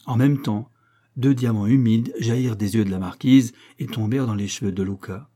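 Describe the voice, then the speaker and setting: Guy reading an audiobook, mellow, husky, steady. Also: fairly low pitch. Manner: measured literary narration. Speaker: narrator.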